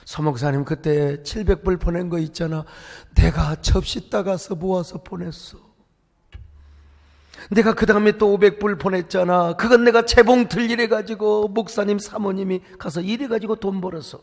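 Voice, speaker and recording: A man's voice: high-pitched, fairly even intonation, moderate pace, gravelly. A man voicing an old, apologetic pastor's widow. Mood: pleading. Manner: pleading, repeats apologies. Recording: echoey church hall, faint music.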